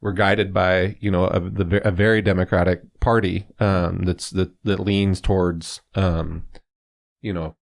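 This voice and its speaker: A man's voice: low-pitched, level tone, measured pace, vocal fry. A man from California co-hosting a sports talk show, explaining at length in a rambling way full of fillers. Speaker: sports podcast co-host.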